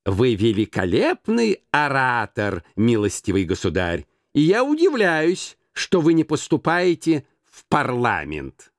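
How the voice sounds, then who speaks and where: A man reads a dry audiobook, voicing a stingy, grumpy old miser who snaps out curt, scornful lines. His medium-pitched voice swoops wildly and moves a little slowly, with no echo.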